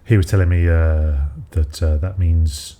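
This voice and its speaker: A man's voice: sits low, fairly even intonation, unhurried, mellow. A man co-hosting a podcast in casual chat, rambling with many fillers and restarts. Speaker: podcast co-host.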